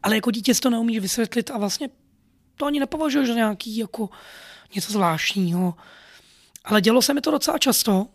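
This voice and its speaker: A man's voice: extremely high pitch, no echo. A man telling a personal story in an earnest, rambling way, full of fillers. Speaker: podcast storyteller.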